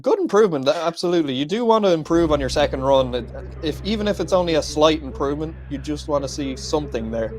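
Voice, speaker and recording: A man giving brisk, technical play-by-play commentary on a drifting event. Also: on the high side, lively intonation. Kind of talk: live motorsport commentary.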